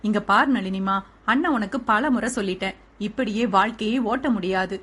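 A woman reading aloud, voicing a calm, caring older man who coaxes gently. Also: mid-range voice, moderate pace, slightly rough. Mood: coaxing, serious. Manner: calm, coaxing. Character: kindly older brother figure, gentle persuader.

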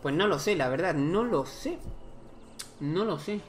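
A man's voice: on the high side, lively intonation, a little slow, slight background noise. Chatty man narrating his strategy game. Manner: chatty, thinking aloud, exclaiming. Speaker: gaming YouTuber. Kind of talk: casual let's-play commentary.

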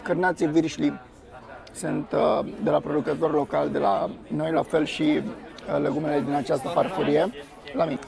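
Filming himself at a terrace restaurant with the camera on the table, a young food vlogger reviews dishes with enthusiasm, letting out exclamations as he tries each one. He speaks in a level tone with a slightly high, creaky voice, while the crowd around him chatters.

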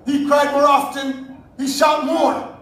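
Male preacher, very high voice, fervent sermon with shouted peaks, recorded far off in a booming church hall. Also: flat delivery, slow pace, a little hiss or hum. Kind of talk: Sunday sermon. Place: church sanctuary. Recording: very echoey church hall, heard from afar.

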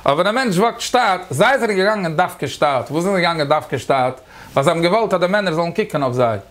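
A man's voice: high voice, animated, quick pace, a bit bright. A man, a rabbi, giving a Talmud lecture, explaining step by step, repeating phrases and asking rhetorical questions, with English words mixed in.

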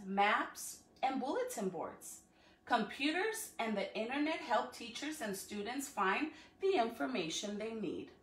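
A female school educator reads aloud to children in her living room at home, her higher voice encouraging as she asks them questions. A phone or camera a few feet away picks her up, so the room sounds echoey and distant.

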